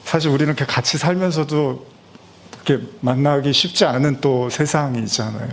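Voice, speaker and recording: Middle-aged man, pastor, Christmas sermon, chatty storytelling, mid-pitched voice. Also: brisk. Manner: conversational storytelling, many fillers.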